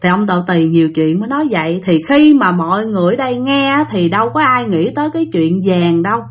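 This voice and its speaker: Speaking fast with lively intonation, a woman tells a ghost story, chatting with her listeners and addressing them directly. She has a mid-range voice and a Southern Vietnamese accent.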